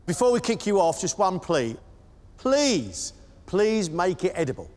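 A man's voice: high voice, very animated, unhurried, darkish tone. A British man judging a TV cooking competition, chatting with contestants with dry, teasing humor. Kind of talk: TV cooking show banter. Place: TV studio kitchen. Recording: music under the voice.

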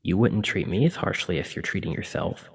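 Playing a kindly, apologetic sleep paralysis demon in ASMR roleplay, a man speaks gently and reassuringly in an informal, exaggerated voice. He sits low, brisk and lively in intonation, creaky with a breathy edge, recorded on a distant mic.

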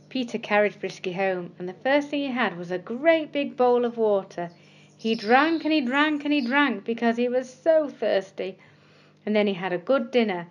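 A woman storyteller reading bedtime stories for children in a gentle, expressive way. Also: medium pitch, highs cut off.

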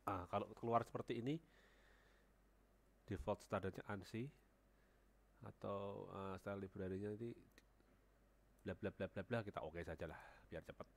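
A man with a cold narrates a CAD modeling session for a screen-recorded tutorial, using a headset and repeating numbers aloud as he types while thinking through each step. His fairly low voice is steady and creaky, at normal speed with long pauses.

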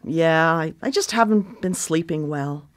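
In a naturalistic radio drama, an actress with a deep female voice plays a devoted, possessive sister who is also an anxious caretaker. She speaks haltingly, earnestly and insistently, sounding weary and downcast.

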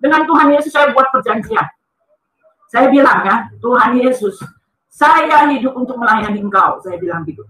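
A high, bright-voiced woman tells a personal testimony at a quick clip. She speaks earnestly and with emphasis, and she keeps addressing her listeners as friends. Her voice sits back from the mic in an echoey room. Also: animated, recorded from a distance.

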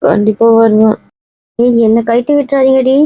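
A woman's voice: on the high side, fairly even intonation, normal speed, lo-fi sound, close to an everyday voice. A woman playing a tearful young wife off to college, whiny and pleading, in a homemade skit.

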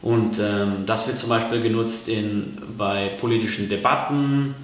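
A man's voice: on the low side, fairly even intonation, measured pace. Hesitant German man in echoey room. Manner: hesitant, lots of fillers and restarts. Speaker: vlogger. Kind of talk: casual explainer vlog.

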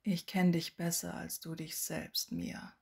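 A woman reading the part of a cool, sardonic middle-aged wizard man in an audiobook, speaking calmly and drily. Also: fairly low pitch, a little slow, creaky, slightly rough, heavily acted. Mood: calm, dry. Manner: calm, dry, mocking.

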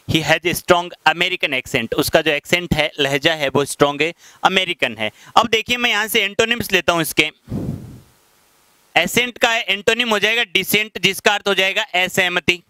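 A male teacher in his thirties with a Rajasthani Hindi accent gives a classroom lecture in Hindi explaining English vocabulary, patiently working at the whiteboard and slowing down to read English example sentences. His high, crisp voice has a bright, forceful tone. A headset mic picks him up close and dry, though the recording is low quality.

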